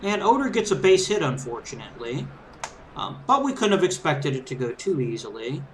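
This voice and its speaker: A man's voice: on the high side, big pitch swings, a little fast, slight background noise. A man giving casual, conversational, easygoing commentary as he hosts a let's play of a game. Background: video game crowd ambience and background music.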